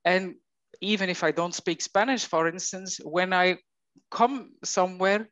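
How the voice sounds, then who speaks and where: A middle-aged Flemish woman from Belgium, a native Dutch speaker, speaks English with a Flemish accent as a coach in a conversational interview. She talks slowly and thoughtfully with frequent fillers, in a lowish, slightly bright voice on a dry, dull recording.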